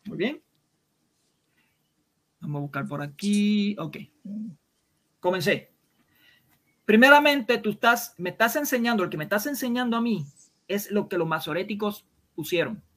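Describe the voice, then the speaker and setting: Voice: mid-range voice, animated, moderate pace, pauses often, fairly bright tone. Una persona con acento caribeño que debate sobre religión por videollamada, insiste, repite sus argumentos y lanza preguntas retóricas. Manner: insistent, repeats points and fires rhetorical questions.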